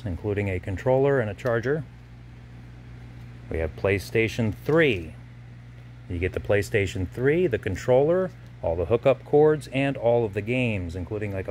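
A man's voice: fairly low pitch, a little mellow, slight background noise. A man previewing auction lots in a gallery warehouse, listing items one by one in short bursts while filming on a phone. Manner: brisk item-by-item listing. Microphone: handheld phone camera.

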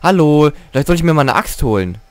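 A man giving casual gameplay commentary at home, excitable, swearing and grumbling at the game as he plays. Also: on the high side, fast talker, smooth, dry recording. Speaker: let's play gamer.

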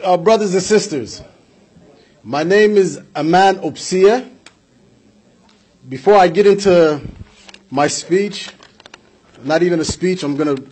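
In a flag-backed indoor hall, a young US-raised speaker at a community event argues passionately into a stand-mounted podium mic. His high voice has a husky edge yet sounds a little mellow, and he leans on repetition, rhetorical questions and gestures.

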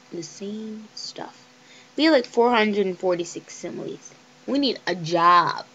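A young woman giving chatty, excitable commentary over a life-sim game she is playing. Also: medium pitch, highs cut off. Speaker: let's play gamer.

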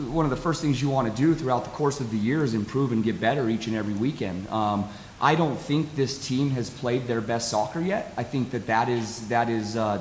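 A middle-aged American man, a college soccer coach, giving measured, halting answers in a post-game interview. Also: medium pitch. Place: press conference table with backdrop. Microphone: table stand microphone. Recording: echoey hall, audible hiss.

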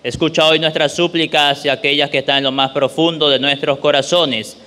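Man leading Mass prayers, solemn and measured, bright voice, cathedral echo. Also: on the high side, steady tone, smooth. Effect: long church reverb. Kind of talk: liturgical reading. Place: large church. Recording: echoey church with faint room noise.

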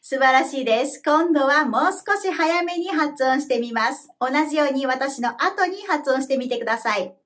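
A woman with a high voice teaches a language lesson from a script. She explains each word in a clear, measured way. Her delivery stays calm and even, like a teacher guiding learners through the material. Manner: slow, careful model pronunciation for repeating.

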